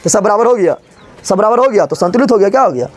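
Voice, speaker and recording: A man's voice: high-pitched, animated, quick pace. A male teacher teaching a chemistry lesson playfully, often asking a question and answering it himself.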